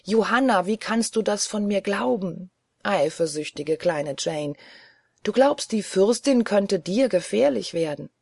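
A man's voice: fairly high pitch, takes it slowly, hardly any pauses, darkish tone, no room sound. A reader voicing a proud, self-assured man who teases and dismisses, in an audiobook reading. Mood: teasing. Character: proud, mocking man, sure of himself.

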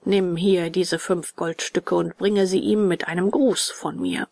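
A woman voicing a gruff, bearded male puppet-theatre director who is harsh but soft-hearted, with a rough, barking voice. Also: fairly low pitch, steady tone, a little slow, no room sound, studio quality.

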